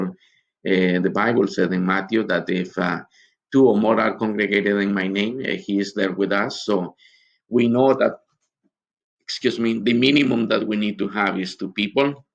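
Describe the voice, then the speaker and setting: A man from Guatemala, a missionary giving a recorded conference teaching talk in an earnest, halting way with many pauses. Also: fairly low pitch, dull audio.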